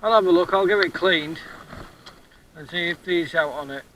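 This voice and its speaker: A man's voice: a little high, moderate pace, a bit bright, muffled recording, a little hiss or hum. A man outdoors on a beach, chatting casually about his metal detecting finds in a musing, hesitant way, often repeating words.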